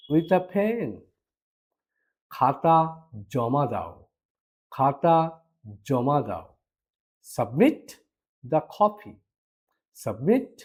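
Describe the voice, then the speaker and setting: A man leads a phrase drill for learners, speaking at an extremely slow pace and breaking every sentence into small chunks. His voice sits fairly high and moves through a lively, wide pitch range. Each line comes twice, first in Bengali and then in English. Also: husky. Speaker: English teacher.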